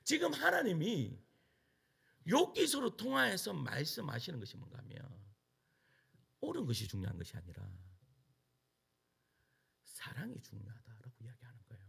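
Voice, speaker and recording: A middle-aged male pastor preaches in a high voice that leaps wildly up and down. His tone is gravelly and husky. He keeps throwing rhetorical questions at the congregation and answering them himself. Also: wildly swooping pitch, normal speed, long pauses, fairly bright tone. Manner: emphatic preaching with rhetorical questions and call-and-response. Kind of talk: sermon.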